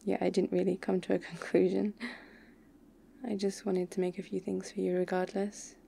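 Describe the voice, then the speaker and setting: A woman playing an affectionate, pouty young girlfriend in an intimate, soft ASMR role-play for ASMR. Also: medium pitch, level tone, vocal fry, slight background noise. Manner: intimate soft voice dropping into speaks softly, slow and tender.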